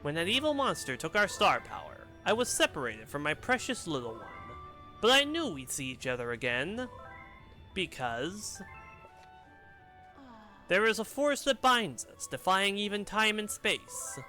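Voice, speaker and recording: A man voicing a serene, motherly female cosmic guardian, reading her lines softly and slowly with a joking put-on edge. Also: high voice, big pitch swings, soft background music, full character voice. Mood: solemn, tender.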